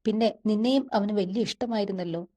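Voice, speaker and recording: A woman's voice: medium pitch, a little fast, mellow, lightly acted. A woman voicing a protective young man who speaks to his sister in an anxious, reassuring way, in a storybook reading. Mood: worried, reassuring. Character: protective young man, caring older-brother type.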